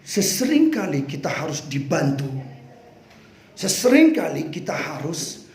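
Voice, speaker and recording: A man preaching a sermon, animated and emphatic, breaking into shouts. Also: fairly high pitch, measured pace, slight background noise. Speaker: pastor. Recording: echoey room with faint ambience.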